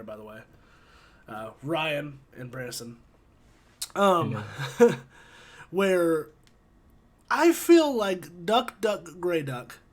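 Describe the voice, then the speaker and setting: Animated high-voiced male podcast host. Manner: animated, teasing, ranting. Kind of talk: casual podcast chat.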